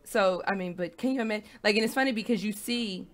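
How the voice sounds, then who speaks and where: A woman's voice: medium pitch, quick pace. A woman hosting a radio talk show, chatting frankly and swearing casually.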